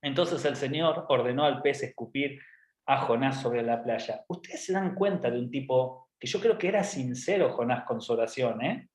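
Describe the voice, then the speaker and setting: A man's voice: medium pitch, lively intonation, normal speed, reverberant. A man preaching in a casual, humorous way, often adding tag questions. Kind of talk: informal sermon talk.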